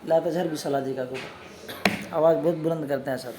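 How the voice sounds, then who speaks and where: Background noise accompanies a man teaching scripture grammar in a religious studies lesson, his pitch fairly high and his intonation fairly even. He constantly asks his students questions, then answers them, reading Arabic slowly and adding lighthearted teasing asides.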